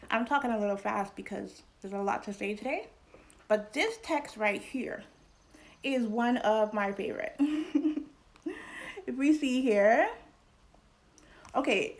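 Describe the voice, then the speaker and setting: A young adult woman from New York, hosting a casual educational talk to camera in an animated, chatty way with fillers. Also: medium pitch. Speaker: channel host.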